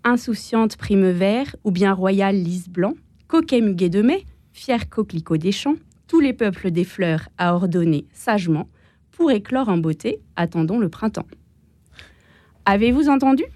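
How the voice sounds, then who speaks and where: A woman guest reading a children's poem aloud in a measured, gentle way. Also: mid-range voice, lively intonation, no room sound.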